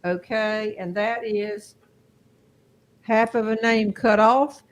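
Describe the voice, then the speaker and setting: A woman's voice: on the high side, fairly even intonation, takes it slowly. Chatty Southern woman host. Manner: chatty, self-amused. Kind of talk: casual chat.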